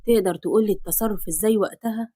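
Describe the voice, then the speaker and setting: A woman's voice: mid-range voice, racing, dark tone, slightly rough, no room sound, close to an everyday voice. A woman with an Egyptian accent voicing a troubled aging father in a storybook reading, with a heavy, sorrowful delivery. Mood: grave. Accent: Egyptian Arabic.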